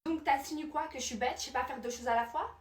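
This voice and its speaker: A woman's voice: sits high, fast, reverberant, far from the mic, natural voice. A woman playing a bossy, touchy teenage girl who scolds her guest indignantly. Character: bossy touchy teen girl hosting a friend.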